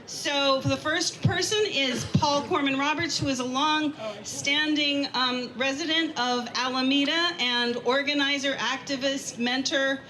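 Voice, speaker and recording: A woman's voice: high voice, steady tone, measured pace, low-quality recording. A woman speaking from a rally stage, introducing the next speakers. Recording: live event with loud crowd behind.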